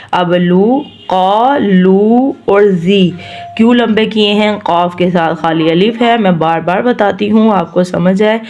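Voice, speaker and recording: A woman's voice: on the low side, a little mellow. Patient woman teaching Quran recitation. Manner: patient, repeats each word slowly, drawn-out recited syllables. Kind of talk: tajweed lesson, slow recitation then explanation.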